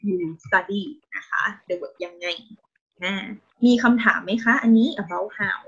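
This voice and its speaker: A woman's voice: mid-range voice, fairly even intonation, slow pace, fairly bright tone, husky, muffled recording. A woman with a Thai accent teaching a language class over a video call, patient and encouraging with constant praise and polite particles. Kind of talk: online Thai lesson, mixing Thai and English.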